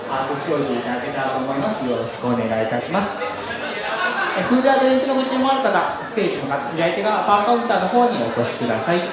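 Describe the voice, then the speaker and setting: Polite announcer in an echoey venue. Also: male voice, fairly high pitch. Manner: formal, courteous customer-service phrasing. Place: crowded event venue.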